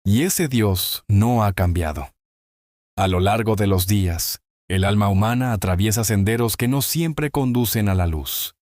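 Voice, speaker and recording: A man giving scripted inspirational Bible narration in a solemn, measured way, drawing out key phrases slowly. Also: on the low side, darkish tone, dry recording, studio quality. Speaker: devotional narrator.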